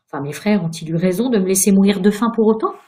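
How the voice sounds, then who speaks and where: A woman's voice: medium pitch, fast talker, warm tone, natural voice. A woman voicing a gloomy, weary old male ghost in a storybook read aloud for children, theatrical and pleading. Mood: sulky. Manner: theatrical, wailing and sighing.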